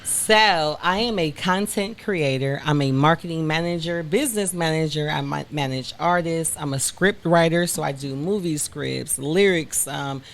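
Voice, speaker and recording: A woman from Detroit, a content creator, telling her story in a frank, animated interview chat. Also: deep voice, normal speed, few pauses. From Detroit, Michigan.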